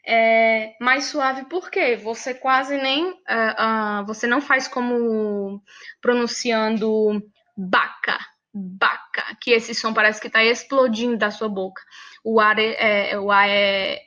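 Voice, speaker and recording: A woman's voice: fairly high pitch, fairly even intonation, slow pace, pushed and bright, dull audio. A Brazilian woman teaching a language lesson in a patient, repetitive way, often checking that her students follow. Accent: Brazilian Portuguese. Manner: patient, repeats words and asks for agreement. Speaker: Spanish teacher. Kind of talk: classroom lesson, mixing Portuguese and Spanish.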